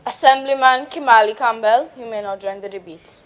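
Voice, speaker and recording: A woman chairs assembly proceedings in a brisk, procedural way. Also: a little high. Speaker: presiding officer. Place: assembly chamber. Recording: noisy chamber feed.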